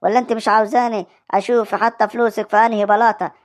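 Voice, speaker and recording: A woman's voice: a little high, fairly even intonation, rapid-fire, close to an everyday voice. A woman voicing a cheeky, scheming young man who wheedles his mother, with an Egyptian accent. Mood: pushy. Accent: Egyptian Arabic. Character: sly mouthy young man, scheming son.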